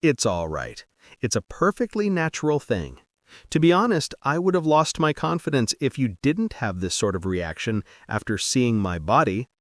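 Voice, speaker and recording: A man voicing a confident, seductive noblewoman who coaxes softly and gives orders. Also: mid-range voice, sing-song, normal speed, no echo, studio quality, lightly acted. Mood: soothing.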